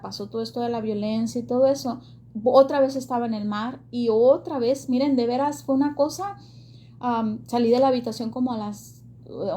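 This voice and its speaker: A woman's voice: a little high, dark tone. A woman giving an earnest, emotional faith testimony, with hesitant fillers. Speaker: ministry speaker giving testimony.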